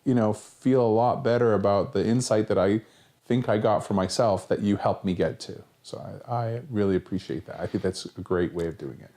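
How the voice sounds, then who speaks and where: A man's voice: fairly low pitch, fairly quick, warm tone. A man who is a longtime coaching client, speaking as a guest in a casual chat and agreeing often. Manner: agreeable, frequent short affirmations. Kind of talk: casual conversation.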